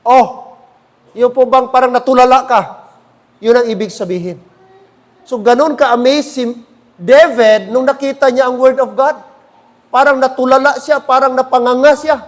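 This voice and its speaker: A man's voice: extremely high pitch, fairly even intonation, normal speed, pauses often. A man preaching a sermon in church, often asking the congregation "Amen?". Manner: preaching with frequent calls for "Amen?". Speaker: pastor.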